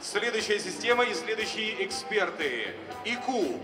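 A ceremony host, a middle-aged man, announces formally from a large exhibition hall stage in clipped phrases, using a handheld microphone fed through the PA. His voice sits high with big pitch swings and a measured pace. The recording is far-off and echoey, with music behind.

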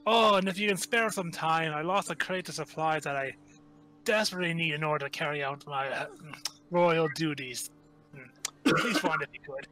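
A man's voice: a little high, pushed and bright, faint music behind, poor audio. A man voicing a polite, fussy male royal quest-giver from a video game, reading the lines aloud with small halts. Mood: courteous. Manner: reads game dialogue aloud, halting.

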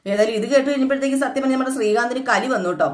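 Woman chatting through a serial recap, super fast, echoey room. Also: a little high. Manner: chatty, animated retelling. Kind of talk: casual storytelling recap.

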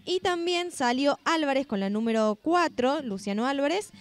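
A woman's voice: sits high, expressive, normal speed. A woman reporting lineup changes on a live football broadcast, matter-of-fact and informative. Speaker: sideline reporter.

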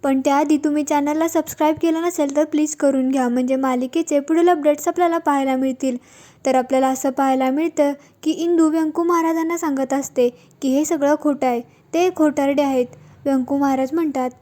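A woman with a high, mellow voice narrates an episode recap of a TV serial. She keeps a fairly even, level delivery as she reads out each character's lines in turn.

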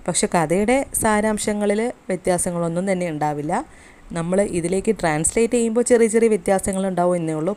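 A woman's voice: lowish voice, warm tone. A woman hosting a channel, chattily retelling a TV serial's episodes to her viewers. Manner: chatty, talks straight to viewers with tag words. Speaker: serial recap host. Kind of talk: casual spoken retelling of a TV serial.

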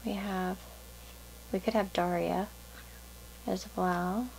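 A woman's voice: medium pitch, fairly even intonation, slow, creaky, a little mellow, slight background noise, poor audio. A woman giving a casual pick-a-card tarot reading to viewers, musing and thinking aloud in a meandering way.

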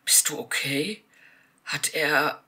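A woman's voice: deep voice, slow, sharp tone, breathy edge, full character voice. A woman voicing a brave, caring seventeen-year-old girl who speaks urgently and with indignation. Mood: concerned.

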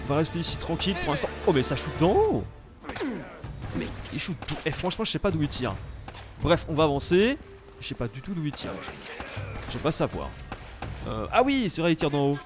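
A young French man giving casual, animated commentary while playing a video game, exclaiming at the action. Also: on the high side, a little fast, pauses often, over music. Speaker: let's play host.

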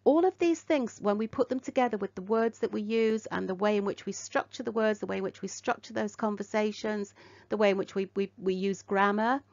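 A woman's voice: mid-range voice, fairly quick, a little mellow, no room sound. A woman with an English accent, teaching sixth-form English in a recorded induction lecture, asking lots of questions. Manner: poses many rhetorical questions. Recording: dull, dry lo-fi audio.

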